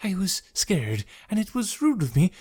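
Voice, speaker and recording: A man voicing a panicky, indignant young city man in an audiobook, with a high, shrill voice that often shouts. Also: big pitch swings, moderate pace, slightly rough, exaggerated voice. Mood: anxious pleading. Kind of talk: audiobook character voice.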